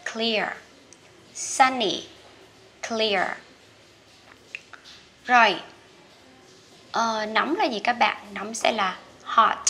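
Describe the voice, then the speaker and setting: A woman with a Vietnamese accent teaching English vocabulary, saying each word slowly and repeating it for learners. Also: fairly high pitch, bright, forceful tone, a little hiss or hum. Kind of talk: vocabulary lesson.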